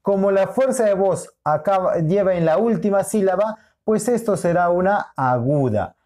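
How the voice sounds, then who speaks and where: Here a male school teacher delivers a recorded online lesson; his voice is high-pitched, animated and darkish. He explains patiently and at length, repeats himself, and checks in often with quick questions.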